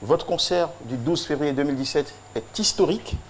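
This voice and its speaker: This tribute presenter speaks at a normal pace in a slightly high, animated voice, with a bit of background noise. Delivering his TV tribute, he keeps a solemn rhythm and leans hard on emphatic repetition.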